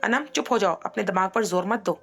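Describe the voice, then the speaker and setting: A woman voicing a worried mother who soothes her daughter softly. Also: mid-range voice, brisk, creaky, faint music behind.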